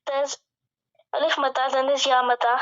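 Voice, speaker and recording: Hesitant high-voiced student, dull recording. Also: female voice, little pitch movement, moderate pace, fairly bright tone. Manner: hesitant, unsure, many restarts. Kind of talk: reciting verses and answering in a lesson.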